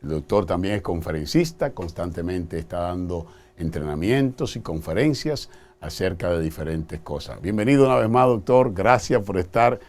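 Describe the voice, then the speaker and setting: A man's voice: low voice, normal speed. A man from the Dominican Republic with a Dominican accent, hosting a TV talk show and growing emphatic as he tells stories. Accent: Dominican Spanish. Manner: expressive, grows emphatic telling stories.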